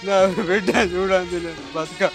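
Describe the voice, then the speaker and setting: A heartbroken middle-aged father, played by a man with a Telangana accent, lamenting in a heavy, sorrowful way. His voice is fairly high. Clear film music runs behind him. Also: flat delivery, moderate pace, lightly acted. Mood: grieving. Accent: Telangana Telugu. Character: grieving father of a married daughter. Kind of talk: village short film acting. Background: background music.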